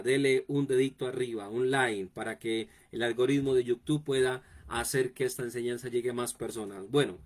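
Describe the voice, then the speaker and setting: A man, a pastor teaching a sermon, repeating phrases and speaking straight to his listeners. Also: medium pitch. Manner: repetitive, direct address to the congregation.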